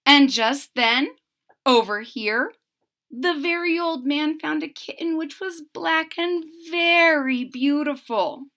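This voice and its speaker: A woman reads a picture book aloud with plenty of expression, stretching words for emphasis and tossing in chatty asides for young listeners. Her voice is high-pitched and fairly bright, and she reads at a slow pace.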